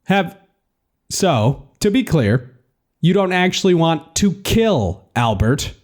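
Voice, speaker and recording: A man narrating his own audiobook in a sardonic, profane, deadpan way. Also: on the high side, slow.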